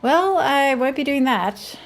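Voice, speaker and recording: A woman's voice: high voice, expressive, takes it slowly, creaky, slight background noise. A woman giving casual commentary while playing a game, muttering short asides to herself. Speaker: game player.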